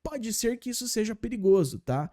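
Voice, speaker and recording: Man, English teacher, casual video lesson, step-by-step explaining, checks in with viewers often, lively pitch. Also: normal speed.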